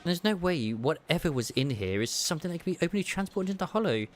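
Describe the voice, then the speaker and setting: A man's voice: fairly high pitch, big pitch swings, fast, a little hiss or hum, pitched above the performer's own voice. A man reading an eager game sleuth.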